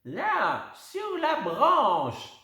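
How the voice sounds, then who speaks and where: A man voicing a kindly, playful old grandmother in a storybook, gentle and teasing. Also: extremely high pitch, wildly swooping pitch, very slow, pitched above the performer's own voice, exaggerated voice. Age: older. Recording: roomy echo.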